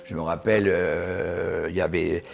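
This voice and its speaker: A man in his eighties with a southern French accent from Montauban, reminiscing in an interview, often halting and repeating words as he recalls. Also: deep voice, little pitch movement, creaky. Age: 80s. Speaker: interviewee, retired dancer.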